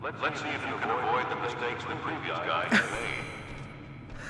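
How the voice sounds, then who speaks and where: A man's voice: animated, unhurried, close to an everyday voice. A man voicing a menacing, domineering factory director in a horror game, with a demanding, commanding delivery. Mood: sinister welcome. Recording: echoey game audio with rumbling noise.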